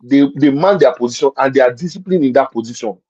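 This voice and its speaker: A man breaks down a football match in casual conversation, pressing each point again and again. His voice is mellow and a little husky, dry, and sits on a muffled lo-fi stream. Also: mid-range voice, fast talker. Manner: emphatic, repeats points, explains with examples. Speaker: football pundit. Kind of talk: casual match-review chat.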